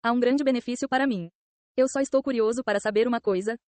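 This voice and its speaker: Calm, cool young hero with a teasing edge, read by a woman, Brazilian accent, dry close sound. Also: on the high side, fast, no echo, natural voice. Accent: Brazilian Portuguese. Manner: calm, cool, lightly provocative. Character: young man, calm, confident, teasing swordsman.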